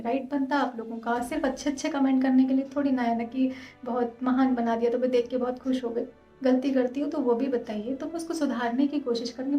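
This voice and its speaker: A woman in her thirties talking fast and earnestly to her viewers in a casual vlog. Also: high voice, echoey room, lo-fi sound. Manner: fast, earnest, direct address. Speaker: vlogger.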